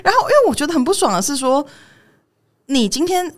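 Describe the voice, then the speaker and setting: A woman's voice: high voice, sing-song, fairly quick, crowd noise. A young woman with a Taiwanese Mandarin accent, hosting a casual podcast chat, ranting heatedly and swearing freely. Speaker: podcast host.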